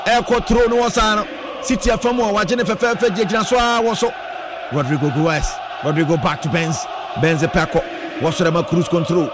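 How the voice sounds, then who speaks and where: A man with a Ghanaian accent commentates live football excitably, repeating words and names in bursts. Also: sits high, brisk. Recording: loud crowd noise behind commentary.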